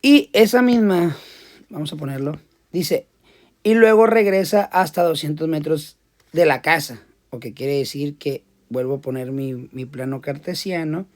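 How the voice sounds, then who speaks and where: A man's voice: fairly high pitch, moderate pace. A man teaching a physics lesson in a casual classroom style. He often repeats words and restarts as he talks through a problem while drawing.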